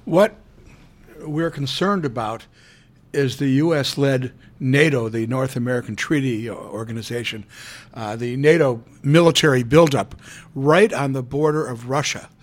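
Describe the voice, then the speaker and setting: A man co-hosting an interview, giving commentary and asking questions in a deliberate way with some fillers. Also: mid-range voice. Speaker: radio show co-host.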